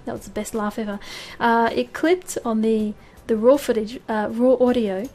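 Woman tutorial host, chatty, self-laughing, slightly high voice, faint music under. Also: normal speed, dark tone. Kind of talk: casual screen-recorded tutorial. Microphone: desk microphone with audio filters. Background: fan hum and birds.

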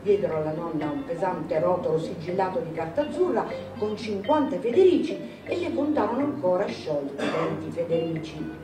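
A woman's voice: on the low side, animated, a little fast, few pauses. Woman reading a novel aloud in a hall. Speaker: reader at a literary tribute. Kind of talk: dramatic literary reading. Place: event hall. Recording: echoey hall, distant mic, music.

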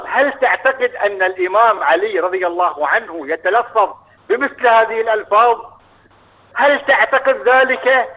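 A man calling in to a show, arguing heatedly and lecturing, repeating himself, heard through a phone line. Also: sits high. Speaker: caller. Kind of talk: angry phone-in argument.

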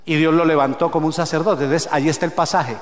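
A man preaches in a church, his voice sitting high for a man. It rings through a roomy hall with long reverb. He jumps from shouted peaks down to low, hushed asides and keeps asking the congregation to repeat after him. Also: fairly even intonation, quick pace. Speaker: pastor. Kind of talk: sermon. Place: church sanctuary.

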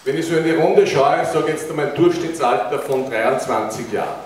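A man's voice: on the high side, a little fast, slight background noise. A middle-aged man with an Austrian accent gives a keynote lecture into a handheld mic in a large university lecture hall, putting questions to the audience. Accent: Austrian German. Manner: engaging, asks the audience questions. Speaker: keynote speaker. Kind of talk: public lecture. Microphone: handheld mic, recorded by a far camera. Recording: echoey lecture hall from far off.

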